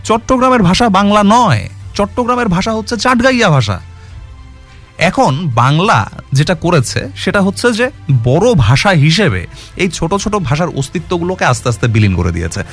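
A man with a fairly high voice argues his case in an earnest explanatory talk, his pitch rising and falling a great deal. He keeps asking rhetorical questions and mixes English words into his sentences. Soft music plays faintly under him. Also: sing-song, moderate pace. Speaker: commentator on language.

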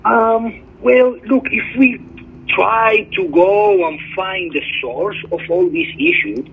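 This man's voice is high-pitched, creaky and husky, and he takes it slowly. He is a Chilean guest journalist on a telephone interview, earnest in tone and full of hesitant ums, heard through a tinny line.

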